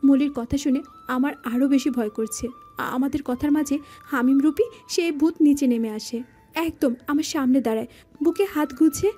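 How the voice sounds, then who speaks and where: A woman narrating a romance audio drama in the first person, telling it in a lively manner. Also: sits high, moderate pace. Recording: faint background music.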